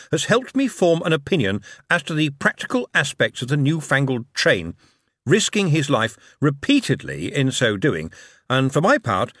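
A glib young rogue delivers a formal report with smooth confidence, as a man puts him on. His pitch rises and falls widely, recorded dry and close. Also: a bit bright, no echo. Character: smooth-talking young male conman, formal.

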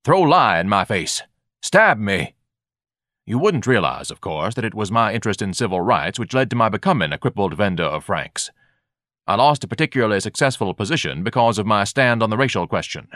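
Man voicing a grandiloquent, disdainful vendor; raised, loud, lively delivery, dry close read. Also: on the low side, fairly quick, dry recording. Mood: theatrical self-pity. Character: pompous fat male hot-dog vendor, haughty and fussy.

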